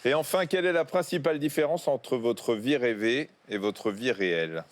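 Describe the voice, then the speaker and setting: A man hosting an interview, asking set questions in a measured, polite way. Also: medium pitch. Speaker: interviewer host.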